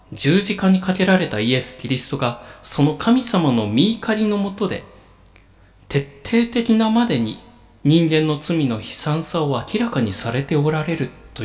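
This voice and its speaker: Solemn, measured male preacher. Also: fairly high pitch. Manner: slow, solemn, measured delivery with emphatic pauses. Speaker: pastor. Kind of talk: sermon.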